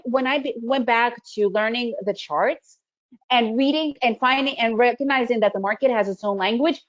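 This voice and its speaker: A middle-aged woman born in the Soviet Union and raised in the United States, a native Russian speaker, presents a day trading webinar conversationally, often asking "right?". Her voice is a little high, captured through a video call microphone with the highs cut off.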